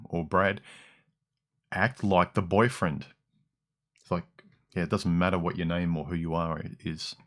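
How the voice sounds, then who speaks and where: Here's a male livestream host with an Australian accent, working a dynamic broadcast mic as he reads through chat comments in a relaxed way. The voice is low and slightly bright, a little harsh in the lower and middle range, and his speech rambles with lots of restarts and ums.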